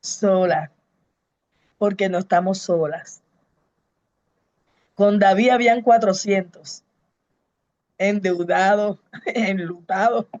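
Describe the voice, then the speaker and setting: A woman's voice: medium pitch, takes it slowly, pauses often, darkish tone, no room sound, lo-fi sound. A woman pastor and evangelist, giving a fervent preaching testimony to a congregation and repeating her key phrases. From Colombia.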